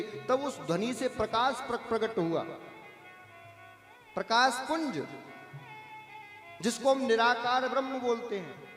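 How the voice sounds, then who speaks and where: A man with a high voice preaches a slow, unhurried devotional talk. He asks his listeners questions, answers them himself, and draws out chanted syllables. His voice rings around a large hall with a long reverb. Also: a bit bright. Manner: chants drawn-out Om between explanations. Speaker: spiritual preacher. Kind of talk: devotional discourse to an audience.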